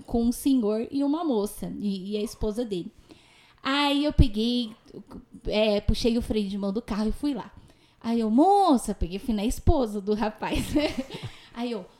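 A woman with a slightly high voice tells a personal anecdote. She talks casually and animatedly and laughs as she goes. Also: expressive, moderate pace, mellow. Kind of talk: casual storytelling.

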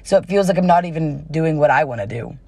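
This young adult woman's low-pitched voice is creaky, mellow and slightly rough, showing wear as if she is starting to lose it. She talks fast on her casual solo podcast, staying informal, chatty and giggly and saying "y'all," and the recording is dry.

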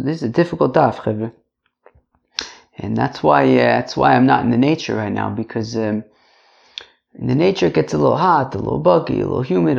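A man's voice: medium pitch, vocal fry, a little mellow, highs cut off. A man teaching an informal religious lesson to a class, chatty, repeating phrases and checking in with rhetorical questions. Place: indoors.

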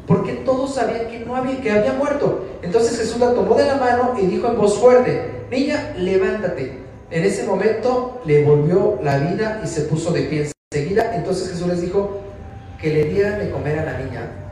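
Mexican guy preaching, high voice, super echoey hall, mic kinda far off. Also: warm tone, slight background noise. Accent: Mexican Spanish. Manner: conversational, asks the congregation questions. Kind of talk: informal sermon. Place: church hall.

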